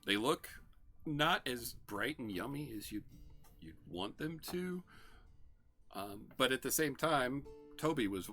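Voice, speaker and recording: A man's voice: mid-range voice, expressive, takes it slowly, sharp tone, faint music behind. A man narrating a tabletop game as game master, in a loose, rambling style.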